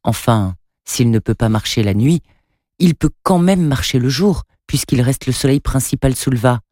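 A man's voice: mid-range voice, animated, normal speed, darkish tone, no echo, clean studio sound, close to an everyday voice. A man voicing an earnest young boy reading a message aloud, hesitant, in a storybook. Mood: thoughtful.

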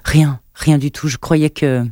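A man's voice: fairly high pitch, fairly even intonation, unhurried, a little mellow, no echo, studio quality, close to an everyday voice. Man voicing Emma, edgy woman in thirties. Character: woman in her thirties, guarded, quick-tempered, fond. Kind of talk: audiobook narration.

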